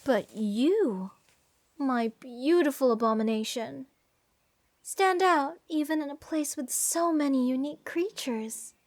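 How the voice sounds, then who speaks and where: In a fantasy ASMR roleplay, a woman with a high voice speaks slowly as a giddy, unhinged mage gushing over cursed monsters. She sounds fascinated and effusive, with breathy gasps and rambling that turns sweetly menacing.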